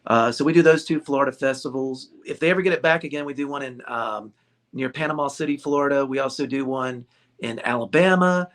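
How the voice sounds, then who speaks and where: Speaking fairly quickly in a mid-range voice, the American ukulele shop owner banters through a casual interview. He jokes constantly and laughs often.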